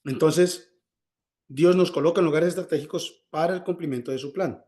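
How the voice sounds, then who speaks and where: A man delivers a sermon in a slightly high voice, stopping to quiz his listeners on the words he just said. He often repeats words and restarts his sentences. He acts out prayers and small dialogues as he goes. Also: moderate pace, darkish tone. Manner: call-and-response questions, repeats words when searching. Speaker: preacher.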